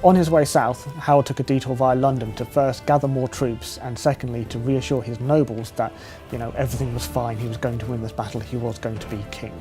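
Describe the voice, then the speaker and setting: Guy explaining history in a documentary interview, medium pitch, clear music behind him. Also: fairly even intonation, brisk, warm tone. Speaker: history commentator.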